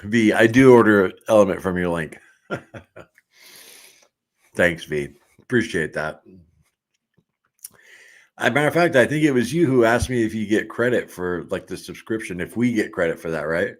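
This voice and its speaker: A middle-aged man hosting a casual livestream, reading viewer comments aloud and chatting in a relaxed way with frequent laughs. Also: lowish voice, moderate pace, pauses often.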